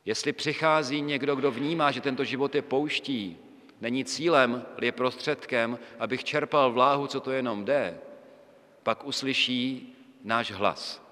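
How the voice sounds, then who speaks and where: A man's voice: mid-range voice, bright, forceful tone. A man giving a sermon in a church, talking in a conversational way with frequent fillers and tags. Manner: conversational preaching with fillers and tag "jo". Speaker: priest. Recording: long church reverb.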